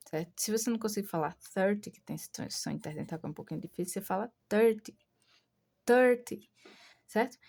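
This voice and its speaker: A Brazilian woman teaches English in an easygoing, patient way, slowly repeating words so students can follow. Her voice is mellow and warm, sitting at an ordinary middle pitch. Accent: Brazilian Portuguese. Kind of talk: casual online English lesson.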